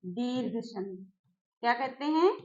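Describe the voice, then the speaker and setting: A woman teacher giving an exam-prep grammar lesson, slowly repeating key phrases and putting questions to her students. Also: a little high, lively intonation. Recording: echoey room, dull lo-fi sound.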